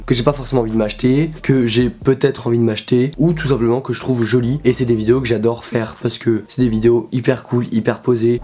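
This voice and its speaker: A young man from France talks through a casual sneaker vlog, chatty and slangy, full of fillers and asides. His voice is mellow and relaxed, at an ordinary middle pitch, and he sounds a little under the weather. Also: breathy edge. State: sick. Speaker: YouTuber.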